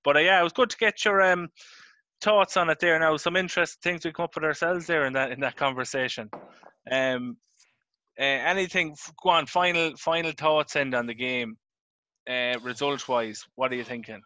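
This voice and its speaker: Irish male podcast host, bright punchy voice, slightly high, casual sports talk, close dry sound. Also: normal speed, no echo, highs cut off.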